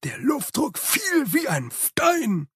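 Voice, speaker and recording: A man voicing an excitable male servant in an audiobook, with a high, strained, emphatic voice and a dry close sound. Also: slow, breathy edge, no echo, faint music behind, full character voice. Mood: eager.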